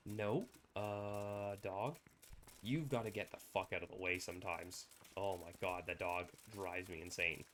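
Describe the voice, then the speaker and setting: A man's voice: low-pitched, steady tone, unhurried, a bit bright, slight background noise. Sweary man casually commentating on gameplay. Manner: sweary, muttering to himself. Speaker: gamer commentating on his play.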